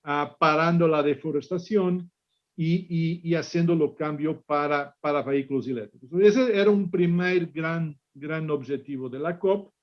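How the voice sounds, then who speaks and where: Guy w portuguese accent doing a talk in portuñol, spanish portuguese mix, kinda high voice, repeats words a lot, bit lo-fi. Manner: halting, repeats words while searching for phrasing. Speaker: conference speaker, business executive. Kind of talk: unscripted conference presentation.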